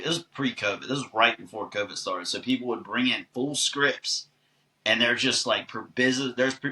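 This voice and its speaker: A man who is an actor, answering podcast questions in a relaxed, chatty and long-winded way. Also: mid-range voice, low-quality recording. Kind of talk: casual podcast conversation.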